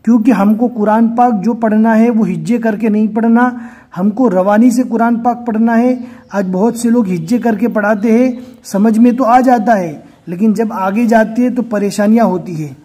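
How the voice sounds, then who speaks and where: A man's voice: high-pitched, warm tone, husky. A man teaching Quran reading step by step, patiently sounding out letters one by one. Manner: patient, repeats each letter sound slowly. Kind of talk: slow, step-by-step recitation lesson.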